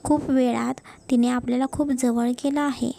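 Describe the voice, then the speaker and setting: A woman's voice: sits high, little pitch movement, normal speed, vocal fry, mellow. Woman voicing a caring, bossy mother. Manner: affectionate, scolding. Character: caring middle-aged mother, warm and bossy. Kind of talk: storybook narration.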